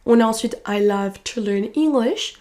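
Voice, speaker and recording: French woman, native speaker, pronunciation teacher; fairly high voice, clear explainer who models phrases slowly. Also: a little mellow. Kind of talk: French-language pronunciation lesson.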